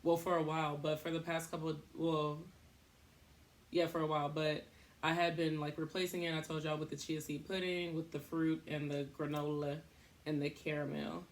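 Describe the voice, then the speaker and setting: A young woman hosting a podcast, talking in a casual, rambling way, thinking out loud and laughing at herself. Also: sits low, little pitch movement, moderate pace. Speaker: podcast host.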